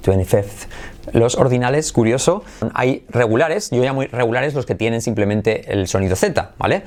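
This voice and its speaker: Spanish-accented male English teacher, playful and energetic, drills pronunciation aloud. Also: medium pitch, normal speed. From Spain. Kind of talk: bilingual pronunciation lesson.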